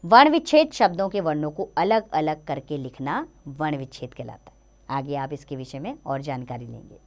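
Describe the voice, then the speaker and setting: A woman teacher giving a grammar lesson to children, slowly sounding out letters one by one. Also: deep voice, lively intonation.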